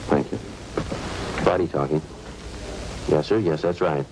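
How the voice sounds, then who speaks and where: An actor playing a terse, businesslike police sergeant in a 1950s radio drama, clipped, deadpan and matter-of-fact. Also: male voice, very deep voice, measured pace, background noise. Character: terse, businesslike male police sergeant narrating his case. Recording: old-time radio recording with music.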